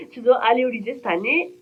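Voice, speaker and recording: A woman's voice: a little high, natural voice. Bossy mother, as a woman quotes her. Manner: insistent, firm. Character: bossy mother laying down the law. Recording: dull lo-fi sound with faint hiss.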